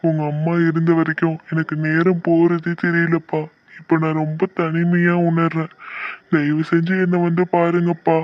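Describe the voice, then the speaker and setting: A lonely old widowed grandfather, voiced by a man for a cartoon, speaking in a sorrowful, pleading way. His voice sits a little high and stays flat, with little rise and fall. It comes through a dull, lo-fi, dry recording. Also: moderate pace, dry recording, lightly acted. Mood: grieving. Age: older.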